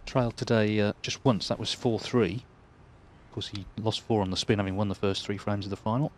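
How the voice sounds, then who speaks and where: A man giving measured snooker commentary as a match commentator. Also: fairly low pitch, fairly even intonation, slight background noise.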